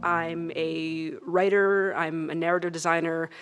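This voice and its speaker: A woman's voice: low voice, little pitch movement, a little slow, dull audio, music in the background. A woman speaking at a conference who is nervous and hedges her points with fillers. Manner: hedging with fillers. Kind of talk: conference talk. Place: conference hall.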